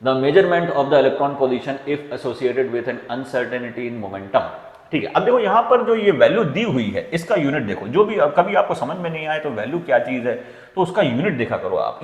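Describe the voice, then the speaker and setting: A man teaching chemistry as an exam-prep lesson, working problems aloud step by step and often checking in with the class. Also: mid-range voice. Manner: explains step by step, keeps checking in with "theek hai". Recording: echoey, reverberant room.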